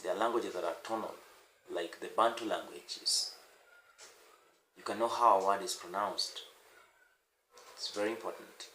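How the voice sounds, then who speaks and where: With a lowish voice and sharp tone, a Swahili-speaking language teacher delivers an off-the-cuff lesson to camera. He repeats words and fills pauses with lots of "uh"s, and the echoey room carries faint noise.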